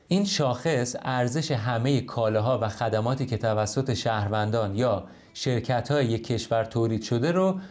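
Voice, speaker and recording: A man's voice: mid-range voice, a little mellow. A man teaching English in an explanatory lesson, modeling English words and sounds as he explains.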